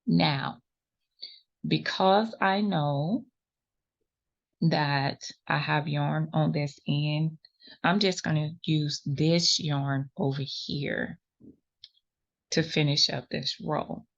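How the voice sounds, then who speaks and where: Hosting a step-by-step crochet tutorial, a woman speaks patiently and reassuringly, counting stitches out loud and sounding slightly sniffly from a runny nose. Her voice is low, steady, and gravelly, extremely slow with frequent pauses, on a lo-fi recording.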